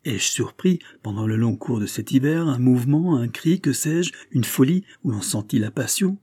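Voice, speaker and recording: A man's voice: medium pitch, expressive, moderate pace, dark tone, slightly rough, no echo. A man voicing a proud young noblewoman who speaks in a bitter, reproachful, impassioned way. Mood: scornful reproach.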